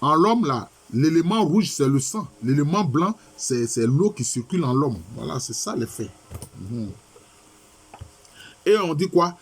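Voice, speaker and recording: A man's voice: fairly high pitch, breathy edge. A man, a professor, reading passages aloud and explaining them in a lecture, often asking and answering his own questions. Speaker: professor lecturing on Egyptian texts. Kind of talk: lecture with text commentary.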